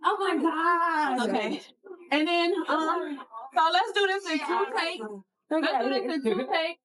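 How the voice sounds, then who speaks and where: A woman's voice: very high voice, animated, unhurried, a bit bright, recorded from a distance, rough recording. A woman counting beats aloud and planning takes on a music video set. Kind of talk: counting off dance moves.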